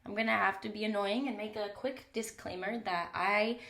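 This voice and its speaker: A young podcast host speaks at normal speed in a medium-pitched, steady voice that sounds pushed and bright. Alone on a mic in a small closet, slightly stuffy from a cold, she talks candidly and casually and swears a little.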